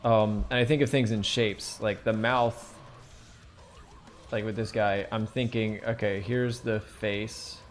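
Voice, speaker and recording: A man's voice: lowish voice, fairly even intonation, slow, faint music behind. A man teaching drawing on a live stream, thinking aloud in a rambling, casual way with many fillers.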